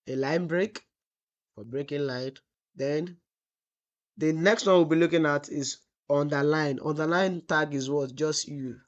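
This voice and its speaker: A man teaching web development in a screen-recorded tutorial. He asks the class "what?" and answers himself, and he drawls out the example text while he types. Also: on the high side. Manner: asks the class rhetorical "what?" questions, then answers them.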